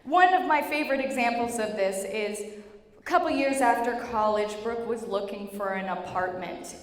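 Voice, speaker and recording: A young adult woman giving a humorous prepared wedding speech as maid of honor, with animated, joking storytelling and dramatic pauses. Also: a little high. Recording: echoey reverberant hall with clear noise.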